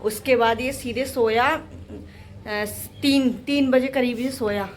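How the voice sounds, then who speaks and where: Soft music plays as a young woman chats to the camera in her home kitchen about her day and her small son, doing housework all the while. Her voice is on the high side, and she takes her time.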